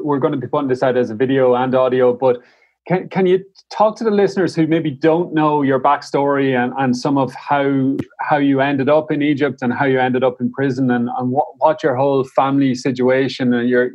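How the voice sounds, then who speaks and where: A man's voice: medium pitch, fairly even intonation, moderate pace. Man hosting an interview, muffled sound. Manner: gentle, probing questions. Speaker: podcast host. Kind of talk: conversational interview. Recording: dull, slightly lo-fi sound.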